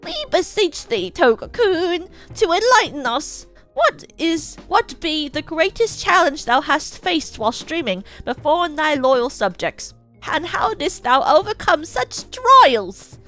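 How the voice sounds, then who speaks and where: A pompous court judge from some old-timey storybook proclaims to the assembly in grand, archaic phrases, as a woman puts him on. The voice is pushed up high and carries loudly. Every word is drawn out slowly and stately. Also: big pitch swings, soft background music, full character voice. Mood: grandly formal.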